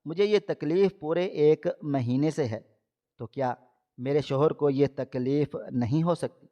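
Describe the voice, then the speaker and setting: A man's voice: fairly high pitch, mellow, natural voice. A man voicing a young married woman who pleads with her family, read in his own plain voice. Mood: pleading. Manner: pleading, insistent. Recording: dull lo-fi audio.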